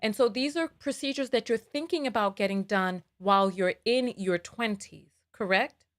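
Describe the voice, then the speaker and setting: A woman's voice: medium pitch, moderate pace. A woman hosting a live call-in advice show, earnest and probing, pressing a caller with pointed questions. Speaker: host.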